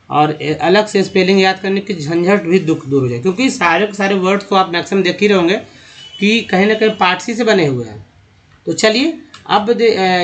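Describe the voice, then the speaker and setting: Hindi accented guy teaching english phonics, voice a bit high, says each word part slow and repeats it. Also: poor audio. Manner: sounds out letter groups slowly, repeating words. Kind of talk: slide-based phonics lesson.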